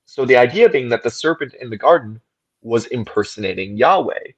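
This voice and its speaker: On a podcast, a co-host with a mid-range voice explains his ideas at length, animated and fairly quick, in a rough recording. The discussion is casual and thoughtful, peppered with frequent "right?" check-ins.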